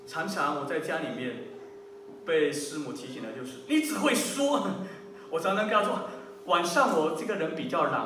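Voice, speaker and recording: A man preaching as a pastor, animated, full of rhetorical questions and repetition. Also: a little high, recorded from a distance. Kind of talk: sermon. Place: church hall. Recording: very echoey hall, voice off-mic, faint hum.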